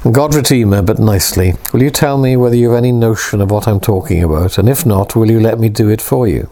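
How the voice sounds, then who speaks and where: A man voicing a calm male poet who talks earnestly and reassuringly in a storybook reading. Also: fairly low pitch, quick pace, lightly acted. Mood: persuasive. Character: calm, persuasive male poet, gently insistent.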